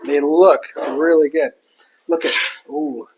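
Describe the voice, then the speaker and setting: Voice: medium pitch, takes it slowly, highs cut off, background noise. Easygoing cook chatting at a sizzling griddle. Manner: easygoing, chatty, talks while working the griddle. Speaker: cook demonstrating a recipe. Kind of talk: casual cooking demonstration. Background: food sizzling on the griddle, utensils clinking.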